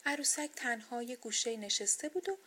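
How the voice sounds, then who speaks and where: A woman reading a children's bedtime story aloud, soft, gentle and expressive. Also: fairly high pitch, slight background noise.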